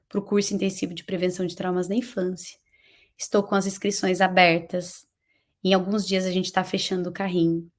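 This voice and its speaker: A woman in her thirties with a Brazilian Portuguese accent, a parenting educator hosting a live stream who speaks earnestly and repeats phrases for emphasis. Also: mid-range voice. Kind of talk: heartfelt live-stream talk with course pitch.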